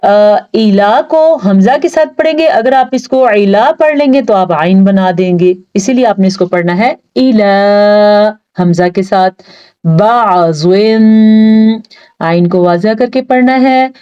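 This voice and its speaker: A woman teaches Quran recitation rules in an unhurried, deliberate way, stretching each practised word out long. Her voice is mellow and dark rather than bright. The recording sounds a little dull and lo-fi. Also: medium pitch. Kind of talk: step-by-step pronunciation lesson.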